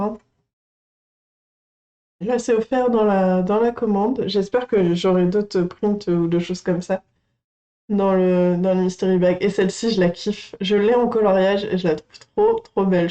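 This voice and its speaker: Gushing woman unboxing, mellow voice. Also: medium pitch, lo-fi sound. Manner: gushing and excitable, chats to viewers. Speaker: coloring channel streamer. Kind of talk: casual livestream unboxing chat.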